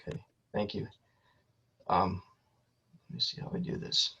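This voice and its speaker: A man, a lawyer for an applicant, speaking over a landline phone in a measured, orderly way with frequent ums, giving a formal statement to a board. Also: sharp tone. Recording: muffled lo-fi phone line.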